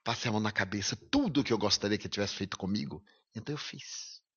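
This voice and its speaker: A man's voice: on the low side, rapid-fire, fairly bright tone, slightly rough. A man giving a lecture, telling a personal story with emotion and vivid detail. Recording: lo-fi radio recording.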